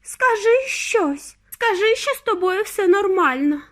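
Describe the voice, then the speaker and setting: Woman voicing a fretful mother, anxious and pleading, high and lively. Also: a little slow.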